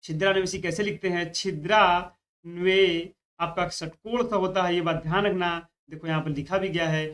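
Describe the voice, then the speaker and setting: A man's voice: high-pitched, fairly even intonation, moderate pace, fairly bright tone. A man teaching Hindi spelling for an exam, stretching out each key word and often repeating that students should keep it in mind. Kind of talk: spoken exam-prep lesson.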